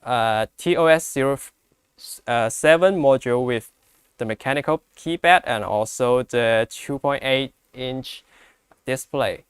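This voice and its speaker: A male product presenter whose first language isn't English demonstrates products step by step, halting and repeating phrases along the way. His mid-pitched voice is very clear, recorded close and dry with no echo.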